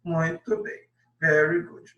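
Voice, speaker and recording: Male Brazilian teacher, slightly high voice, patient step-by-step delivery, roomy echo. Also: fairly even intonation, takes it slowly, bright, forceful tone, far from the mic, muffled recording. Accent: Brazilian Portuguese. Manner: patient, explains step by step, adds many tag questions. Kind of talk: classroom lesson correction.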